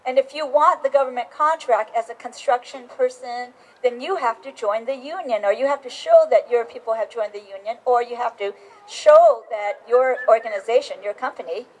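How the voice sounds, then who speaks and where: A woman's voice: a little high, normal speed, darkish tone, poor audio. A middle-aged woman giving an emphatic political speech outdoors at a rally, often restarting her sentences. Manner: emphatic, insistent, with many restarts. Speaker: rally speaker. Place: outdoors on capitol steps.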